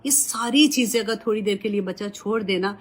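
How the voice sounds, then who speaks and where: Speaking at a medium pitch, a female Quran teacher gives warm, motherly religious guidance and slips English words into her talk.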